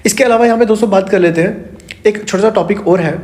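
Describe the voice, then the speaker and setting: High-pitched man teaching an exam prep lesson. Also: fast, a little mellow. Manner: explains with rhetorical questions and repetition.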